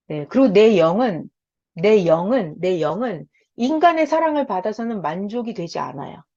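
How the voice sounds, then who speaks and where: Woman preaching, voice jumps all over, kinda high, acts out little prayers, dull lo-fi sound. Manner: animated, acts out prayers in a bright childlike voice; repeats phrases for emphasis. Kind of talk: sermon.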